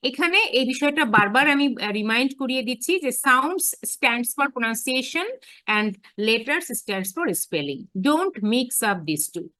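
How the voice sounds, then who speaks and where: A woman giving a lecture on phonetics, drawing out her English phrases slowly and explaining quickly in between. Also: high voice, very animated, sharp tone, no room sound. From Bangladesh. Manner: switches between careful slow English and brisk Bengali explanation. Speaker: university English teacher.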